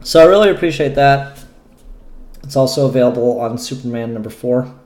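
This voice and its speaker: Fairly quick and a little mellow in a mid-range register, a man runs a casual comic book review vlog without a script. He rambles frankly, cursing here and there, and the recording carries room echo.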